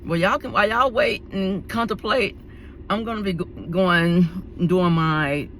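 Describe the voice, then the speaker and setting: A woman's voice: mid-range voice, measured pace, slight background noise. A woman vlogger telling a story in a casual, chatty way, acting out the people in it, with many fillers and restarts. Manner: chatty, animated, acts out the people in her story; frequent fillers and restarts, laughs between lines.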